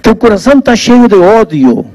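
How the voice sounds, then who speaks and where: Dramatic preacher telling a story. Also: male voice, very animated, moderate pace, rough recording. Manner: dramatic storyteller, swings between hushed low tones and raised high ones. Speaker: pastor. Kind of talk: sermon storytelling.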